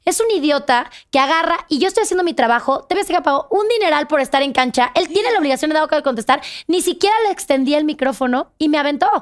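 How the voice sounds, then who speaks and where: A woman with a Mexican Spanish accent, telling a story with emphatic, animated delivery in a casual panel chat. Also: high voice, fast, hardly any pauses. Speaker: sports reporter guest.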